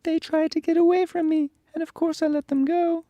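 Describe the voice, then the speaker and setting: A man's voice: very high voice, little pitch movement, brisk, warm tone, no echo, lo-fi sound, voice pushed up. A man voicing a timid, sorrowful lion confessing his cowardice in a storybook reading. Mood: anxious confession. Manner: mournful, confessional storybook delivery.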